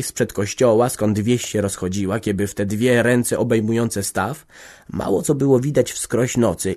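A man narrating a classic novel as an audiobook in a calm, measured way. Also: fairly low pitch, breathy edge. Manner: calm, measured, unhurried reading.

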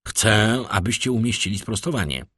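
A man's voice: fairly low pitch, lively intonation, moderate pace, sharp tone, slightly rough, dry recording, voice pushed up, heavily acted. Male narrator playing a heated young nobleman, insistent, audiobook, dry close sound. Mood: earnest. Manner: stiff, demanding, heated. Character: young indignant male count, proud and insistent. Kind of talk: audiobook character voice.

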